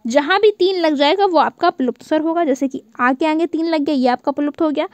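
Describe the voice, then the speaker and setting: A woman's voice: high-pitched, fairly quick, no echo. A woman teaching an online class, repeating key points as questions to her students and stretching out vowel sounds to show their length.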